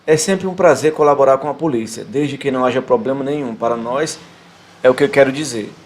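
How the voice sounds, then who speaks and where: A man voicing a nervous, polite male hotel receptionist who talks haltingly and stammers. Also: medium pitch, close to an everyday voice.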